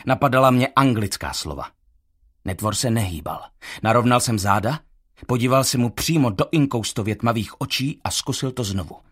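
A man reading a first-person audiobook in a measured, tense storytelling manner. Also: mid-range voice, lively intonation, fairly bright tone, slightly rough. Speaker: audiobook narrator.

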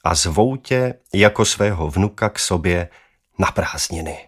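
A man voicing an earnest father who speaks slowly and carefully in a storybook reading. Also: deep voice, expressive, slightly rough. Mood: serious. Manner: slow, careful telling. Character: earnest father of a young boy, calm and confessing.

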